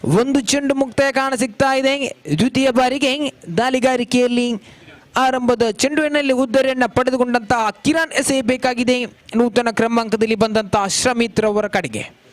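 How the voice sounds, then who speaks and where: A man's voice: very high-pitched, steady tone, normal speed. A man. His delivery is flowing and formal, and it lifts when a big shot comes. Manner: flowing, formal commentary with rising calls on big shots. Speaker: cricket commentator. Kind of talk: live cricket commentary. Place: cricket ground.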